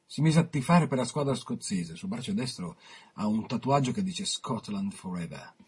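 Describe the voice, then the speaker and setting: A man on the radio reading his own written interview aloud, measured, with dramatic pauses. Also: fairly low pitch, big pitch swings, a little mellow, breathy edge.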